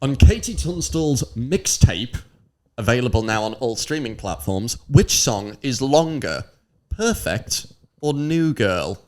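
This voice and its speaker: A man's voice: medium pitch, sing-song, slow pace, a little mellow. A man co-hosting a podcast, reading out quiz questions in a playful, theatrical way. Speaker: co-host and quizmaster.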